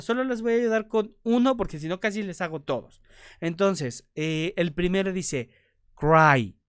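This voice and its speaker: A man's voice: high-pitched, clear, resonant tone, no echo, clean studio sound. A man teaching an English grammar lesson in a video, patiently posing questions aloud and answering them himself, checking in often with the students. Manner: repeats points, checks understanding with "ok?".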